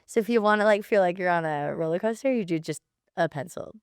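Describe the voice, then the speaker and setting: A bubbly young woman chats in a casual podcast, her speaking voice sitting a little low for a woman. She tells stories with animation, often jumping into playful put-on voices. The sound is dry and close to the mic. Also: quick pace, smooth, no room sound. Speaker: guest, cliff diver.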